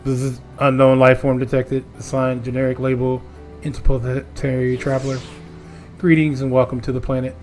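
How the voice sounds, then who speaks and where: A cold alien war machine from a video game, talking in a flat, mechanical robot voice, as a male streamer puts it on. Its lines come out clipped and emotionless, like a machine reporting data. The pitch sits in an ordinary middle range for a man. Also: normal speed, faint music behind, close to an everyday voice. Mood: robotic. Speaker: gaming streamer. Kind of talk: reading game dialogue aloud.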